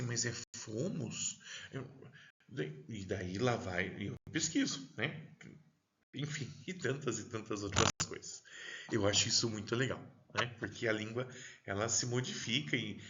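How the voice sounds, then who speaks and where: Mid-range and forceful, this male teacher's bright voice carries vocal fry, though the audio sounds dull. Speaking with a southern Brazilian Paraná accent, he gives a recorded lecture in a talkative, wandering way, constantly asking if the listener is following.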